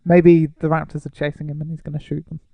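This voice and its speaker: A man's voice: fairly high pitch, flat delivery, quick pace, creaky, dry recording, phone-quality sound. A man co-hosting a podcast, chatting casually with dry, teasing banter. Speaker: podcast co-host. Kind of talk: casual comedic chat.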